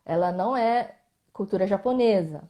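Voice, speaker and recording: A visual artist with a Brazilian Portuguese accent appears as a guest in a live online interview, speaking reflectively. She often tags her sentences with questions and lets them trail off softly. Her voice is mid-range at a normal pace, and the audio has its highs cut off.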